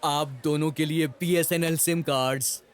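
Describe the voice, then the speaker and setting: Dub role: man voicing a tight-fisted ad executive, slightly high voice. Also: steady tone, measured pace, natural voice. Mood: evasive. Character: stingy male company executive. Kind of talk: Hindi film dub.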